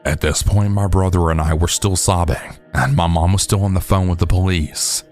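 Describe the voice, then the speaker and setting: A man narrating true scary stories in a steady, measured storytelling voice. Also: sits low. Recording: faint background music.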